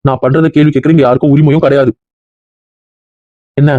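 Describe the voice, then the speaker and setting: A man's voice: a little high, flat delivery, fairly quick, no echo, natural voice. A young man playing a stubborn groom who argues defiantly with his family. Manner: defiant, argumentative. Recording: muffled lo-fi sound.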